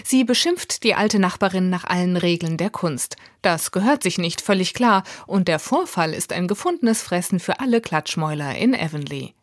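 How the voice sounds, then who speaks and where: A woman presenting a scripted audiobook review in a lively, clear way. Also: fairly low pitch, moderate pace, few pauses, dry recording, studio quality. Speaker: book reviewer.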